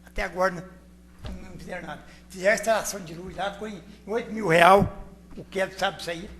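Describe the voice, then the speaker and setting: A man, a councilman, voicing quick complaints on the council floor. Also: high voice, fairly even intonation, a bit bright.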